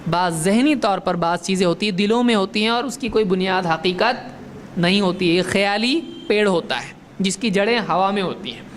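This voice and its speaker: A man's voice: high voice, fairly bright tone, a little hiss or hum. Man teaching, answering his own questions. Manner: asks the audience questions and answers them himself; recites Arabic verses slowly and deliberately. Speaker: Islamic religious teacher. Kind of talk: religious lecture.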